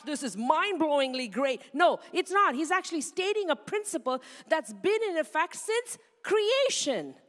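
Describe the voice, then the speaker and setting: A woman preaching a sermon in a church, animated and firing rhetorical questions she answers herself. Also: sits high. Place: church sanctuary. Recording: reverberant church hall sound.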